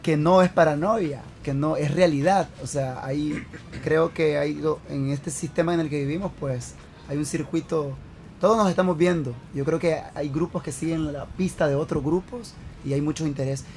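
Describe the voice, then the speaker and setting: A man's voice: on the high side, normal speed, a little mellow, a little hiss or hum. Male host asking follow-up questions. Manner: conversational, asks pointed follow-up questions. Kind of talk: radio talk show hosting.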